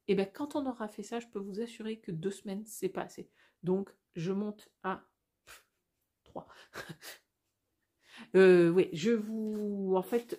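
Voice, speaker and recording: A woman's voice: medium pitch, warm tone. A woman hosting a casual step-by-step knitting tutorial, chatty and thinking aloud as she corrects herself.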